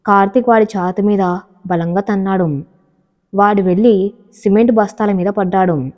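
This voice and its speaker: A woman narrating a dramatic love story in a steady reading voice, taking on every character's lines herself. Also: medium pitch, normal speed, long reverb tail, dull audio.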